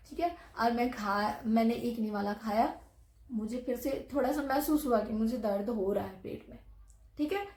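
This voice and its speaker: A woman's voice: fairly high pitch, roomy sound. A young woman vlogger telling a personal story in a casual, chatty way, with many asides.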